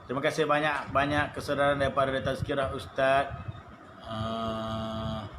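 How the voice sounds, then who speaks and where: A Malaysian Malay man giving a lively, jokey online evening religious lecture in a prayer room and reading out greetings from viewers. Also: mid-range voice, moderate pace, roomy sound, noisy background. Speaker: religious teacher.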